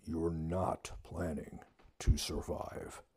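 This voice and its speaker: A man voicing Death as a calm, deliberate figure who speaks slowly. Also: rumbling low, slightly rough, exaggerated voice. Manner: slow and deliberate. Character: Death, slow and measured, calm being.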